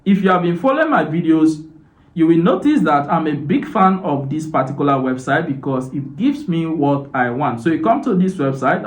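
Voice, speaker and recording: Tutorial host, man, slightly high voice, step-by-step delivery, roomy room echo. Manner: step-by-step, repeats "so" and "now". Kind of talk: screen-recorded software tutorial. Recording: roomy echo, faint ambient noise.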